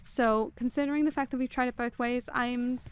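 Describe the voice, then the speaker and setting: A woman streaming a game live, talking extremely fast and chatting with viewers as she plays. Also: on the high side, steady tone, clean tone. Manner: chatty, greets viewers by name. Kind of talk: live gameplay commentary.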